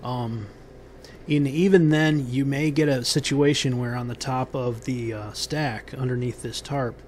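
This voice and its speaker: A man giving unscripted how-to instructions on a building site outdoors, pausing often with ums and restarting his sentences. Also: mid-range voice, fairly even intonation, a little mellow, slight background noise. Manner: halting, many ums and restarts.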